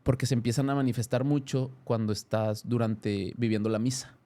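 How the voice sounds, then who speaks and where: A man in his thirties with a Mexican accent, a guest in a casual interview, telling a story in an animated way with many restarts and self-corrections. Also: mid-range voice, fairly quick. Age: 30s.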